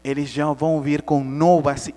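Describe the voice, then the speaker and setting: Man, high voice, spiritist lecturer, animated storytelling, long hall echo. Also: a little slow. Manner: animated, acts out the story with sound effects.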